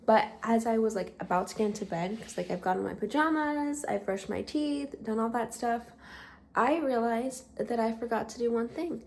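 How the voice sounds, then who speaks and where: Woman, casual home vlog, rambling chatty talk, slightly breathless, gravelly voice, faint background noise. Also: fairly high pitch, normal speed, darkish tone. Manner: chatty and rambling, with many fillers. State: a bit out of breath. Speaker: vlogger. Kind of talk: casual chat. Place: home, indoors.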